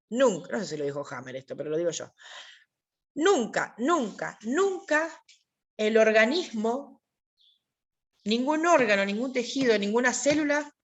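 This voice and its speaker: An Argentine woman teaching a class in an emphatic, conversational way. She repeats key words for weight and checks in with quick rhetorical questions. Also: a little high, a bit bright. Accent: Argentine Spanish. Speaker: workshop teacher. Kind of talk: online class lecture.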